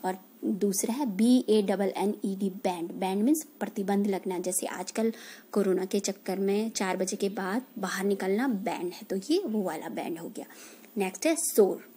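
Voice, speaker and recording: A woman teacher explaining English words in Hindi, spelling them out letter by letter and talking slowly. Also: mid-range voice, warm tone, a little hiss or hum. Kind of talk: English vocabulary lesson in Hindi.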